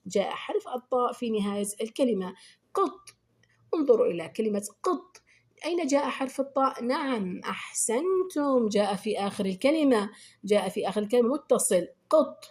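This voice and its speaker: A woman teaching beginners and speaking to pupils. She praises them often and draws out the example words slowly and clearly. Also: fairly high pitch, lively intonation, darkish tone. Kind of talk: children's lesson addressing pupils.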